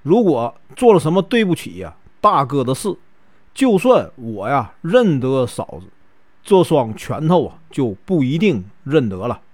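A man's voice: mid-range voice, very animated, a little slow. A man voicing a stern, righteous young fighter who warns and admonishes firmly. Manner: firm, admonishing.

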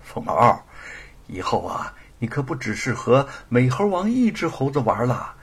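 A man voicing a kind mother who speaks gently and soothingly. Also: mid-range voice, sing-song, measured pace, slightly rough, heavily acted.

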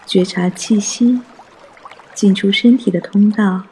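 A man guiding a mindfulness meditation in a soft, hushed, breathy voice, gentle and soothing, with long pauses. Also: sits high, fairly even intonation, a little hiss or hum. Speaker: meditation guide.

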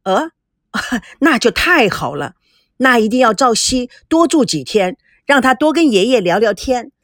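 A woman's voice: on the high side, sing-song, measured pace, fairly bright tone, no room sound, clean studio sound, heavily acted. A woman voicing a busy middle-aged businessman father who gives clipped orders and speaks fondly to his daughter. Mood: brisk.

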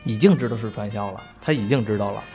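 A man's voice: lowish voice, fast, dark tone, faint music behind. A man telling a story in casual chat, swearing freely and laughing along.

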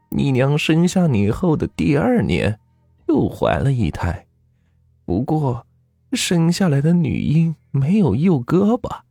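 A man voicing a stern, sorrowful old village grandmother, talking slowly and gravely in a husky voice. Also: medium pitch, mellow, no echo, studio quality, pitched above the performer's own voice, heavily acted. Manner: slow, heavy, grave speech.

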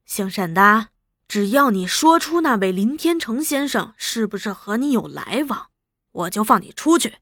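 A woman voicing a bullying male interrogator who shouts domineering threats. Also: mid-range voice, very animated, normal speed, dry recording, studio quality. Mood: pressing.

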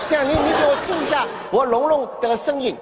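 A man playing a sly, sharp-tongued old grandmother from Shanghai with a Shanghai accent, who mocks and feigns confusion in a stage comedy sketch. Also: extremely high pitch, fast talker, over a noisy crowd. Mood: mocking. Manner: mocking, feigns confusion, teases. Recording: reverberant hall with audience and noise.

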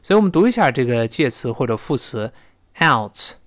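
A man from China teaching English pronunciation in a recorded lesson, explaining and demonstrating sounds slowly and loudly. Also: medium pitch, big pitch swings, no echo, clean studio sound.

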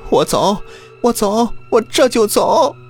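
A man voicing a village woman possessed by a grandmother's ghost, speaking high and pleading. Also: animated, normal speed, faint music behind, lightly acted.

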